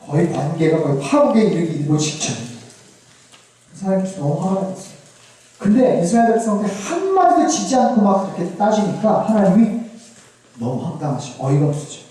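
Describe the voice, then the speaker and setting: A male pastor giving a Bible lecture, animated and asking the audience rhetorical questions. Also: high voice, fairly quick. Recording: very echoey hall, distant mic.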